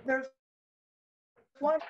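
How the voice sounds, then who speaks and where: A woman speaking as a candidate at a forum, calling in by smartphone, her audio choppy and breaking up as she talks haltingly with many fillers. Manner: halting, full of fillers and restarts. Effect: choppy breaking-up audio that cuts in and out. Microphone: smartphone, joining remotely. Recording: muffled lo-fi phone audio.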